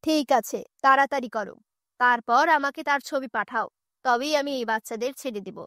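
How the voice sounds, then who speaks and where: A woman voicing a menacing male kidnapper villain in a cartoon, with a gruff, threatening manner. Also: high-pitched, moderate pace, bright, forceful tone, no room sound, studio quality, pitched below the performer's own voice. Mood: impatient. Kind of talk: cartoon dubbing.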